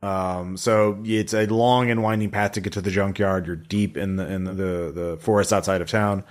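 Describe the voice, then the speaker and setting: A man narrating a tabletop role-playing game as game master, in a conversational, halting way that often repeats phrases. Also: deep voice, steady tone.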